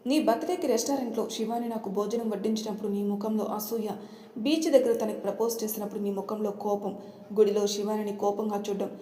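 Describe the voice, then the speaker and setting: A woman's voice: medium pitch, warm tone, lightly acted. A woman voicing an angry, protective young man who scolds sternly. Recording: roomy reverberant room.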